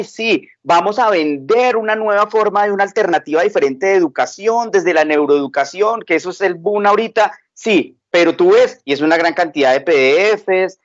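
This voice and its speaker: A man giving a reflective talk on education, animated and fond of telling stories. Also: fairly high pitch, dry recording, dull audio. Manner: animated, storytelling. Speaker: education speaker. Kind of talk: reflective talk with acted anecdotes.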